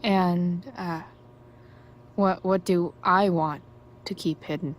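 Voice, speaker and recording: A woman's voice: fairly low pitch, fairly even intonation, slow pace, slight background noise. A woman playing a sardonic, rebellious teenage girl in a video game, talking in sarcastic, casual slang. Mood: awkward, wry.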